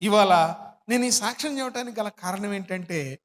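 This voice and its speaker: A man preaching a testimony sermon as pastor, telling a family story in a lively way and acting out the voices of his relatives. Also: high voice, normal speed. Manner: animated storytelling, acts out family dialogue. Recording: hall reverb.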